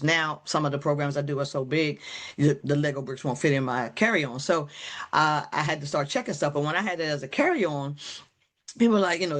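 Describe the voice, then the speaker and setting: A middle-aged woman tells stories as a guest on a podcast. She talks in a lively, animated way and slips into voices for the people she quotes. She laughs often. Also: low-pitched. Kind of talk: animated storytelling in a podcast chat.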